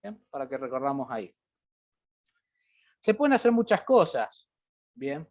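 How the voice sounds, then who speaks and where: A man's voice: mid-range voice, big pitch swings, unhurried, a little mellow. A man teaching a programming class, thinking aloud as he types code and checking in with students often. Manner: thinks aloud while typing, many fillers like "fíjense" and "bien". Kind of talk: live-coding class explanation. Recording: dull lo-fi audio.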